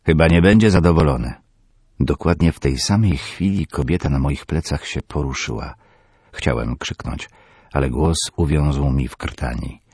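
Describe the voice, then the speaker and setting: Deep husky male audiobook narrator. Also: measured pace, darkish tone, dry recording, clean studio sound. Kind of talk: audiobook narration of a horror tale.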